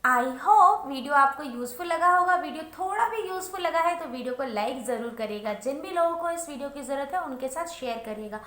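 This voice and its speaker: A woman teaching phonics, mixing Hindi and English and sounding out each word slowly. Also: high voice, expressive, a bit bright. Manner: switches between Hindi and English, slow drawn-out sounding of words. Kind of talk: home-recorded phonics lesson.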